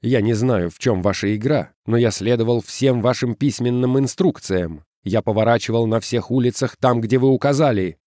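A man's voice: mid-range voice, normal speed, hardly any pauses, warm tone, no echo, clean studio sound, close to an everyday voice. A man reading a story, voicing a desperate ordinary man who pleads and argues. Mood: tense pleading. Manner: pleading, insistent. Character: ordinary hunted man, desperate but reasoning.

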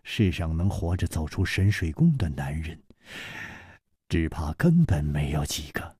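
Storybook figure: a soft, gentle young woman, a male reader putting her on, hushed and calm. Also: rumbling low, measured pace, slightly rough, dry recording, studio quality, voice pushed down, heavily acted.

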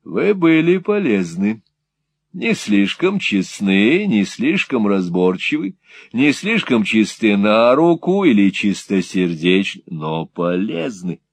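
A man's voice: lowish voice, big pitch swings, slow pace, husky, dry recording, exaggerated voice. A man voicing a hard-hearted moneylender in his sixties, curt, cold and scornful, in a dry close recording. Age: 60s.

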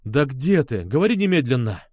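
A man's voice: mid-range voice, very animated, a little fast, a little mellow, no echo, studio quality. A man reading an audiobook, voicing a desperate young man who gives urgent, commanding orders. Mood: urgent angry.

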